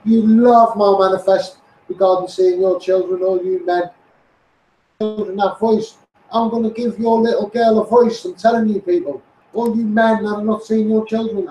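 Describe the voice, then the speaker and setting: A man from the Liverpool area speaks with a Scouse accent in a high, darkish voice, delivering a rambling, impassioned livestream rant as an online campaigner. He keeps addressing his viewers insistently and repeats himself, captured by a distant microphone in an echoey room.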